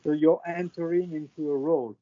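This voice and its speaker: French guy on a video call, kinda high voice, lots of uhs and restarts, muffled lo-fi sound. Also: fairly even intonation, a little fast. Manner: hesitant, many fillers and restarts. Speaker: presenter on France in a video call. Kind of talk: casual chat. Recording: dull lo-fi call audio.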